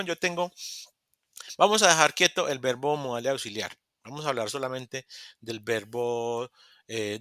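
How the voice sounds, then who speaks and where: A man's voice: fairly high pitch, bright, forceful tone, no room sound, clean studio sound. A man teaching English grammar in an online class, patiently repeating examples and acting out short dialogues. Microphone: computer mic in a video call.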